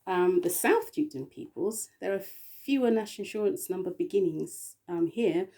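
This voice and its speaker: An English woman speaking in a slow, meandering spiritual monologue, often spelling out letters and pausing with little laughs. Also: mid-range voice, lively intonation, mellow. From England.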